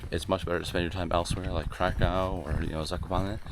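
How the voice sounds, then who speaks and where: Young man from Canada, deep voice, laid-back travel vlogger talking while walking city streets, noisy outdoor mic. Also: quick pace. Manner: relaxed, rambling with many fillers. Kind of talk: casual walking vlog.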